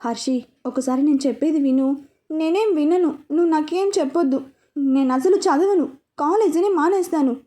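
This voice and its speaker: A woman's voice: high voice, normal speed, mellow, natural voice. A woman storyteller voicing a sulky, defiant young woman student who argues back. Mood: tearful defiance.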